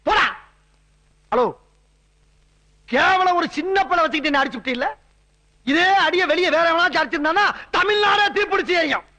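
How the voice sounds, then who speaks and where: A brash, boastful politician uncle. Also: male voice, very high voice, brisk, long pauses. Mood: swaggering. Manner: loud, swaggering, bossy.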